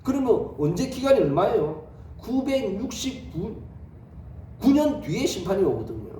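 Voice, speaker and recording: A male pastor delivers a sermon as a lively story, full of rhetorical questions. His voice sits high and swings widely in pitch. He sounds far from the mic in a reverberant sanctuary with a faint hiss underneath. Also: normal speed. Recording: echoey hall, distant mic, faint noise.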